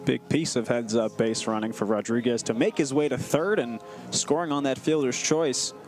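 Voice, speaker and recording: A man's voice: medium pitch, normal speed, darkish tone, faint music behind. A man doing live baseball commentary and play-by-play from an outdoor ballpark.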